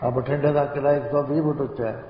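A man giving a spiritual sermon, slipping into slow sung lines as he explains. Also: medium pitch, steady tone, slight background noise. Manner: slow chanting of sacred lines within speech. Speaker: Sikh preacher. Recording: echoey hall, muffled lo-fi sound.

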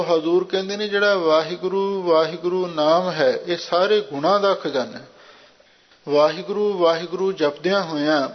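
Preaching man with a slow chanting cadence. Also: on the high side. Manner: slow, drawn-out chanting of scripture lines, then plain explanation; repeats the holy name again and again. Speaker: Sikh preacher expounding scripture. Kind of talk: sermon explaining hymns line by line. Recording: dull lo-fi recording.

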